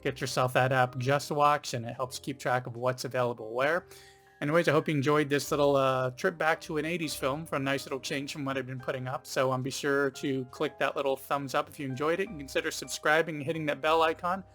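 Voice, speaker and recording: A man talks through a film review in a loose, rambling way, often pausing on ums and you-knows. His voice sits at a middle pitch. Faint music plays underneath. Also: steady tone, a bit bright. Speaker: film reviewer, channel host. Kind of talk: casual spoken video review.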